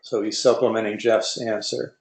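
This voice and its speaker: A man's voice: lowish voice, little pitch movement, moderate pace, gravelly, reverberant. A man moderating an online webinar Q&A, reading out audience questions with folksy asides.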